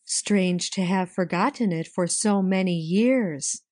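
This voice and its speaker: A gentle, solemn ghost who speaks slowly and with weight, as a woman reader puts it on. The voice is dry and close, a measured storybook spirit. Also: fairly low pitch, dry recording.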